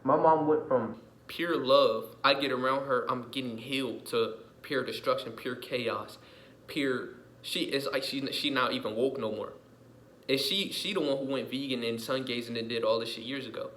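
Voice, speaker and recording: A man's voice: mid-range voice, normal speed, a bit bright, poor audio. A man giving an emphatic, repetitive vlog monologue, swearing often and circling back over his points. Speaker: vlogger. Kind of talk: casual monologue rant.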